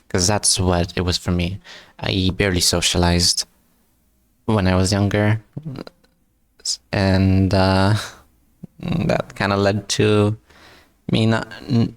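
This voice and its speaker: A man with a fairly low voice chats live with his viewers in English, his non-native language, stumbling, repeating words and teasing himself as he answers chat. There's no room sound at all.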